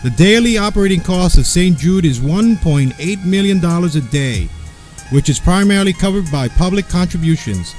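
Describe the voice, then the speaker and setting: A man's voice: high-pitched, animated, darkish tone. A male podcast host reads a press release aloud, stumbling and correcting himself, with informal asides. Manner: halting, informal, stumbles and self-corrects while reading. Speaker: podcast host and event organizer. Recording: music playing behind the voice. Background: background music.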